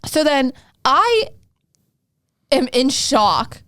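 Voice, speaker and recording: A woman in her twenties, a podcast co-host, telling a story in casual chat, rambling and animated with lots of "like". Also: high-pitched, drawn-out words, no room sound. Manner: animated, rambling, heavy use of "like".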